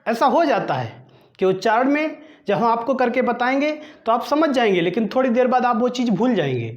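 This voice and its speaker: This grammar teacher has a very high voice and a very animated delivery, heard through reverberant, dull audio. Prepping students for an exam, he asks questions, answers them himself, and repeats each term in slow, deliberate drilling.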